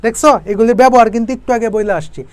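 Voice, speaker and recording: A woman's voice: on the high side, fairly even intonation, very fast, warm tone, clear, resonant tone, no echo. A woman from Bangladesh, teaching an online chemistry lesson for exam prep. She explains step by step and keeps asking her students questions.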